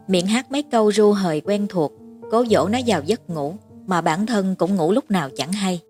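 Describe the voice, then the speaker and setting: A woman narrating a horror story in a steady, even reading voice of medium pitch. Faint music runs quietly beneath her.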